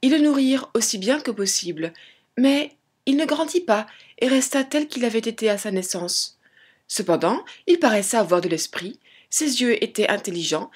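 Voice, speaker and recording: A woman reads a fairy tale aloud in a gentle, measured storybook style. Her voice sits at a medium pitch and has a soft, breathy grain. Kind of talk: storybook reading.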